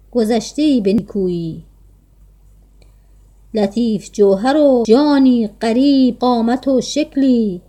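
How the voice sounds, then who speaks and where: A woman voicing a flattering, scheming old go-between in a read-aloud tale, coaxing and sweet-talking. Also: a little high, natural voice.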